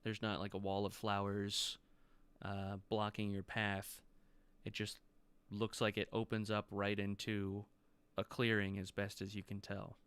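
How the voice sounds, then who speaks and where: A man's voice: on the low side, completely flat delivery, unhurried, fairly bright tone, clear, resonant tone, dry recording. A man narrating a tabletop game as game master, describing scenes loosely with casual fillers.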